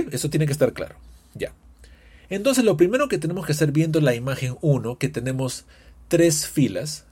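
Husky man teaching an English lesson. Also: medium pitch, darkish tone. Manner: explains step by step, often asks ok. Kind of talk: podcast language lesson.

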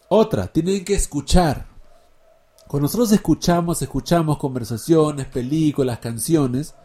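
A male English teacher explaining his method in a casual, animated spoken lesson, acting out examples and asking rhetorical questions. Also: a little high, a little slow, a little hiss or hum.

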